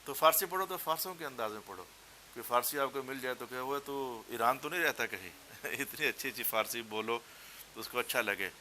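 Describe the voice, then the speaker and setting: A man with a Punjabi accent teaching a class, explaining step by step, repeating words and chanting verse slowly. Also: medium pitch, bright, forceful tone, slight background noise. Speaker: teacher of a Persian text class. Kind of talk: classroom lesson. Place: classroom with students.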